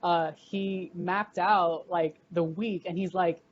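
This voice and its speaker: A woman's voice: fairly low pitch, steady tone, slow, dull audio, a little hiss or hum. A young woman, a graduate student, chatting casually in an interview with many fillers and restarts.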